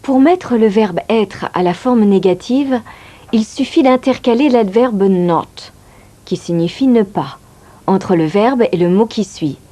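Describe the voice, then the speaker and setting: A woman's voice: mid-range voice, unhurried, dark tone. A woman teaching English in a scripted lesson, carefully explaining pronunciation. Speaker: language teacher.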